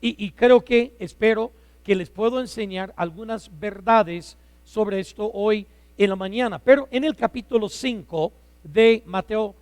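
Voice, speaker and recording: A man in his fifties, a guest preacher delivering a sermon loudly, with frequent filler words and light humor. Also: sits high, a little slow, smooth, no room sound, big-room sound. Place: church sanctuary.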